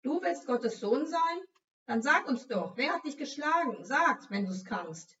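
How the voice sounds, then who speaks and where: A woman voicing a jeering crowd of servants in a Bible story, taunting and loud. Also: sits high, very animated, a little slow, voice pushed up, heavily acted. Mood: mocking. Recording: dull, slightly distant recording.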